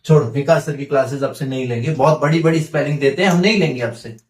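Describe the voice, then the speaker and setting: Man voicing a grumbling student, protesting, lower voice, echoey room. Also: quick pace, a little mellow, natural voice. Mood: complaining. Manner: grumbling, protesting, self-pitying. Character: whiny complaining student, young. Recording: echoey room, mic far off.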